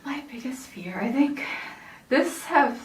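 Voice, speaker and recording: Relaxed young woman, roomy distant sound. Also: high voice, measured pace, a little hiss or hum. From South Korea. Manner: relaxed, thoughtful, many fillers like "um" and "like". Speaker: interviewee, university staff member. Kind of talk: casual interview chat. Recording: roomy echo, mic at a distance.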